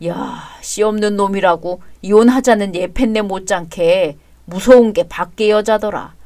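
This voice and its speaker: A woman's voice: mid-range voice, normal speed, warm tone, no room sound, lightly acted. A woman voicing a crude, drunken, boastful husband in a dramatized story reading, with a drawling, taunting delivery.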